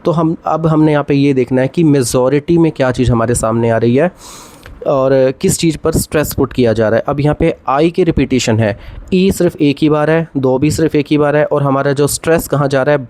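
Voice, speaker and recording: A man's voice: medium pitch, a little mellow. Man giving a patient literature lesson. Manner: explains step by step, often checks "clear?"; reads poem lines aloud slowly. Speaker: English literature teacher. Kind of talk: classroom lecture on poetic devices.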